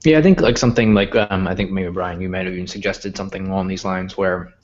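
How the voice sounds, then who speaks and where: Hesitant low-voiced man on a podcast. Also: fast talker, muffled recording. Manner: hesitant, many fillers. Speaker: podcast co-host. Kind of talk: casual podcast chat.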